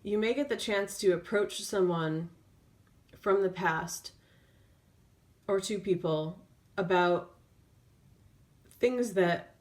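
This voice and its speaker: With a mid-range voice, a woman reads tarot by intuition, speaking off the cuff and drawing out pauses while she searches for the right words.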